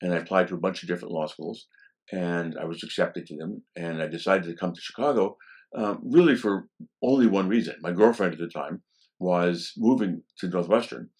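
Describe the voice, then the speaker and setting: A man in his seventies speaks in a deep, low voice. He is a law professor looking back on his early years. He tells his stories in a relaxed, anecdotal way and often pauses on "um". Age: 70s. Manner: relaxed and anecdotal, with frequent "um" fillers. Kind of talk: reminiscing interview storytelling.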